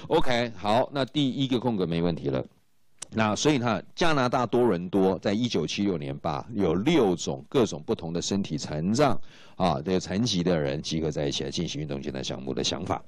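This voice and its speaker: Speaking briskly with lively intonation, a low-pitched man explains English for exam students in Mandarin mixed with English phrases, often asking if they're keeping up. The recording is dry.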